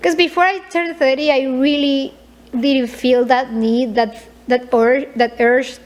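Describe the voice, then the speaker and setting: A woman in her thirties speaking to camera in a confessional vlog. Her voice sits a little high, and she talks softly and haltingly, stopping often to restart her sentences. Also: steady tone. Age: 30s. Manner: soft, hesitant, with frequent fillers and repeats. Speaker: vlogger.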